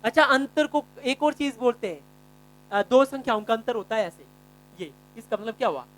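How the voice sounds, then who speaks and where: A male math teacher giving a classroom lesson, quizzing students by name and repeating key phrases slowly. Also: extremely high pitch, expressive, fairly bright tone, rough recording.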